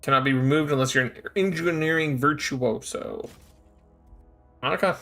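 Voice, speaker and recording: A man casually commentating on a game live as a streamer, thinking out loud. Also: fairly high pitch, moderate pace, soft background music. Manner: reads game text aloud, thinks out loud.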